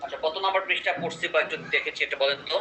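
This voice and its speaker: A man's voice: fairly high pitch, very fast, noisy background. A man teaching an online English pronunciation class in a conversational way, often checking in with his students.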